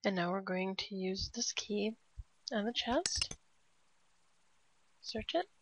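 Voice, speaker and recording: A woman casually narrating a game walkthrough step by step, relaxed and prone to laughing. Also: mid-range voice, slow, slight background noise. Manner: relaxed, laughs often, cheers at a blast. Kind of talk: casual gameplay commentary. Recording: dry, slightly dull lo-fi.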